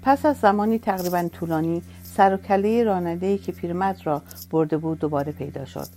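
Low, mellow woman storyteller. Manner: sorrowful, reflective. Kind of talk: scripted first-person narration. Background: soft music.

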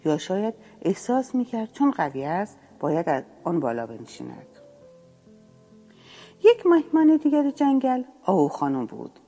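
Woman storyteller for a children's tale, low and warm, expressive reading over soft music. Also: vocal fry.

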